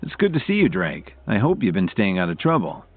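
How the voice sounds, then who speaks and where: A man voicing a calm, easygoing young man who speaks casually, in an audiobook with tinny phone-like audio. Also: low-pitched, brisk, breathy edge, full character voice. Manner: casual, relaxed.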